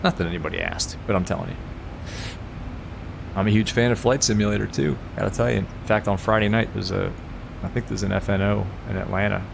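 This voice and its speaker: A man chatting casually and informally as a flight simulator streamer. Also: quick pace. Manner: laid-back, informal. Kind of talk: casual livestream chat mixed with pilot radio calls. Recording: clear rumbling background noise.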